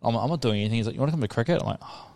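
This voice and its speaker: A young man with a medium-pitched voice. He talks casually and laddishly, leaning on slang and swear words. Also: lively intonation, rapid-fire, vocal fry, a little mellow. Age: young adult. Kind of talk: casual chat.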